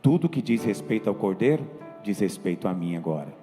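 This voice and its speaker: A man with a Brazilian Portuguese accent preaching a sermon as pastor, lively and acting out the worried believers he describes. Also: on the low side, a little fast, in a large hall, soft background music.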